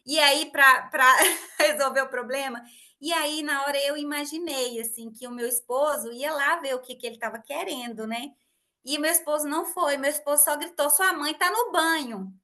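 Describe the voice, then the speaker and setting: Woman, thirties, podcast host, lively storyteller, acts out dialogue, clear and bright tone. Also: high voice, normal speed. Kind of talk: casual podcast conversation.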